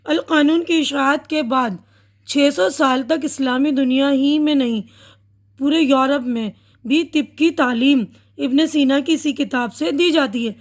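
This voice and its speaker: A woman teaching a class lesson in a high, light voice. She explains patiently, repeats key words, corrects small slips and checks that her students follow.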